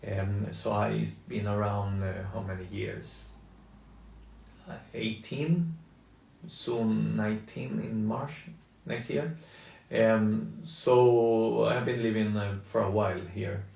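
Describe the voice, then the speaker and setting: A middle-aged man from Spain, chatting casually and haltingly on a live stream, with many ums and restarts. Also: lowish voice, fairly even intonation, vocal fry, darkish tone. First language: Spanish. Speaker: toy designer on a live stream. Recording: echoey room, mic at a distance.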